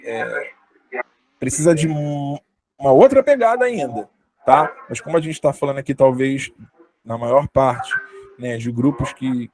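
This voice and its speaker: A man's voice: a little high, darkish tone, rough recording. A young man with a Brazilian Portuguese accent giving a conversational workshop talk, full of fillers and tag questions. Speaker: workshop speaker on communication.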